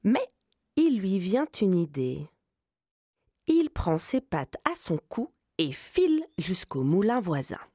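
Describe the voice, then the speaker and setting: A woman narrating a children's fairy tale in a scripted audio series, switching to high voices for the little goats. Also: slow pace, breathy edge, no room sound. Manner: expressive, playing small voices high. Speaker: storyteller.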